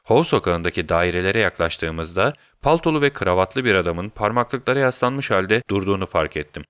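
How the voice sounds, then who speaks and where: A man narrating a story in the first person, in a measured storytelling manner. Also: sits low, expressive, a bit bright, clear, resonant tone. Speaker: audiobook narrator.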